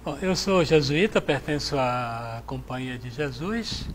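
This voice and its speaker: A middle-aged man, a Jesuit priest from Salvador, answering interview questions in a measured, reflective way on a lapel mic in a TV studio. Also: medium pitch, expressive, a little hiss or hum. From Salvador, Bahia, Brazil. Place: TV studio with chapel set.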